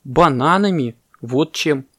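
A man's voice: a little high, lively intonation, slow, a bit bright, slightly rough, pitched above the performer's own voice, heavily acted. A man voicing a gloomy, sighing little male elephant in a children's story, mournful in manner.

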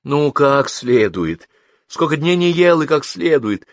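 A weary, kindly older woman who works in a canteen, fussing over people in loud, high exclamations, as a male reader puts her on. The voice climbs well above his own and rings out more strongly. The sound is dry and close, with no room around it. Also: very animated, slow, no room sound, exaggerated voice. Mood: questioning.

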